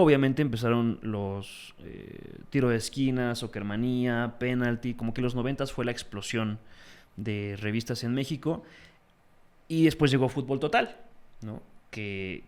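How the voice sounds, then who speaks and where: A young man with a Mexican accent, a guest in a casual interview, telling stories in an animated, slangy way. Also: medium pitch, smooth. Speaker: guest, magazine founder.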